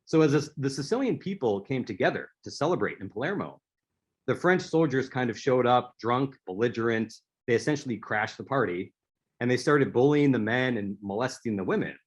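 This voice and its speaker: This man's voice is medium in pitch, expressive and brisk, with a breathy edge. As an author giving a prepared talk in a speaker series, he tells stories and makes a few restarts along the way.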